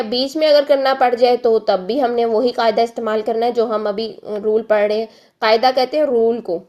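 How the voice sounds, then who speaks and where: A woman teaching a recorded lesson on reading the Quran, explaining patiently and often checking in with the listener. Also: on the high side. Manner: draws out example syllables slowly and loudly.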